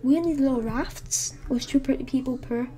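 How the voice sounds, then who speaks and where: A woman's voice: sits high, normal speed, dark tone. Young woman vlogger, casual rambling storyteller, swears freely, slips into whispers at home. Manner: rambling and profane, with many fillers. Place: home room with someone asleep nearby.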